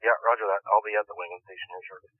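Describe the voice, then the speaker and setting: A male firefighter makes brisk, businesslike reports to dispatch over a two-way radio. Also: lowish voice, steady tone, husky, no room sound. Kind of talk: fire service radio reports. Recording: noisy narrow-band two-way radio, clicks.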